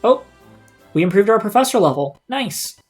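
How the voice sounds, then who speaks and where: A man's voice: high voice, very animated, normal speed, slightly rough. A man giving casual live gameplay commentary as a streamer, indoors over game audio. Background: game music.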